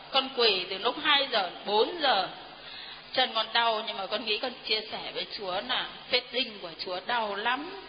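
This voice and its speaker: Earnest high-voiced woman in a reverberant hall. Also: slight background noise. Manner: earnest, deferential to the priest. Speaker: parishioner giving testimony. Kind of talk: heartfelt spoken testimony. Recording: dull reverberant hall recording.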